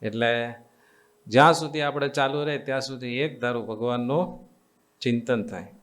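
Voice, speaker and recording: A man's fairly bright, mid-range voice carries a devotional sermon at a moderate pace. He is a swami with a Gujarati accent, coaxing and repetitive in his teaching, and he questions his live audience call-and-response style.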